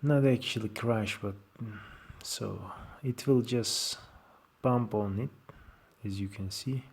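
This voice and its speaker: A man with a Turkish accent presenting an informal software tutorial in halting, short fragmented phrases of non-native English. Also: lowish voice, creaky, slightly rough.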